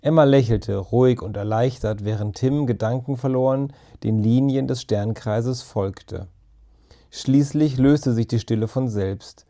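In an unhurried, calm and even way, a male narrator reads a children's audiobook, his warm, mellow voice pitched in the middle range.

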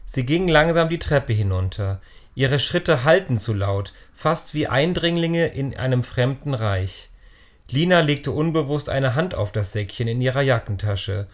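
A man narrating a children's story in a calm, measured reading voice. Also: medium pitch.

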